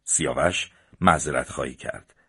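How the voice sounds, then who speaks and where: A storyteller with a deep, husky male voice narrates an audiobook. He reads plainly but raises his pitch and volume when voicing the characters' dialogue.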